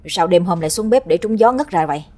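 A woman reading the lines of a caring older brother in her own voice, brisk and reassuring. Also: fairly low pitch, lively intonation, darkish tone.

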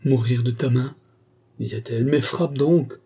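A man's voice: mid-range voice, measured pace, mellow, husky, voice pushed up. A man voicing a desperate young governess who pleads in a broken, sobbing voice. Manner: pleading, breaking voice.

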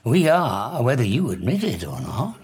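An actor with a British accent playing a proud, haunted fugitive scientist, theatrical and formal, in an audio drama. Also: male voice, medium pitch, big pitch swings, normal speed, a little mellow, a little hiss or hum. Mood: coolly defiant.

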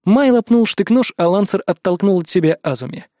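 Guy reading a story aloud, lively and expressive, dry close sound. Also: high-pitched, a little fast, no room sound. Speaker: narrator. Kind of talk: audiobook narration.

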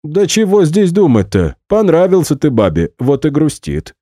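A man's voice: fairly high pitch, wildly swooping pitch, normal speed, mellow, no room sound, clean studio sound, pitched above the performer's own voice. A man doing a teasing, nosy inner voice.

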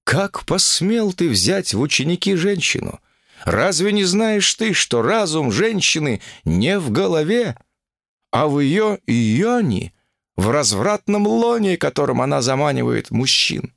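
A pompous fanatical guru drawls out his sermons in a gravelly, raised voice, as a man reading an audiobook puts him on. His pitch leaps and falls with each indignant phrase, and he drags every word out slowly. The sound is dry and close. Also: very animated, fairly bright tone, no room sound, exaggerated voice. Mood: self-righteous. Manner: sanctimonious, drawn-out preaching. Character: pompous fanatical male guru preaching against women.

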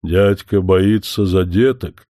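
A man voicing a young male forest spirit who speaks slowly and solemnly, a little louder than his narration. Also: low-pitched, steady tone, dry recording, studio quality. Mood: earnest. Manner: slow, deliberate, solemn.

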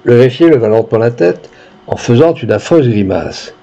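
Husky man reading a story. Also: medium pitch, highs cut off. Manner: expressive, measured reading. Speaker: audiobook reader. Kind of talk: scripted narration of a story.

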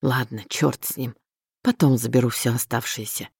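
A woman's voice: on the low side, lively intonation, normal speed, warm tone, dry recording, clean studio sound. A woman voicing an irritable middle-aged father who speaks curtly, grumbles and mocks. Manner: gruff, grumbling and sarcastic.

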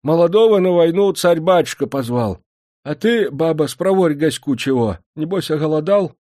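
A man voicing a frail old male coachman who speaks slowly and humbly. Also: on the high side, no echo, clean studio sound, voice pushed up, close to an everyday voice. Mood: humble. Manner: slow, even, humble speech.

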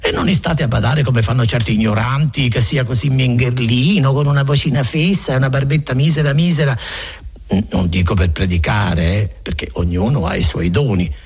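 A man voicing a chatty, kindly friar who talks in a garrulous, folksy, self-assured way, with a husky voice. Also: medium pitch, fairly quick. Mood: reassuring.

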